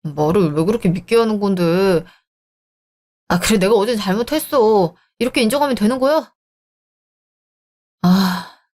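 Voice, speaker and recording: A woman's voice: medium pitch, a little mellow, natural voice. A woman voicing a selfish, dismissive young married man in a radio drama, talking scornfully. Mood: irritated. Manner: scornful, bickering. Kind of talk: Korean radio drama acting.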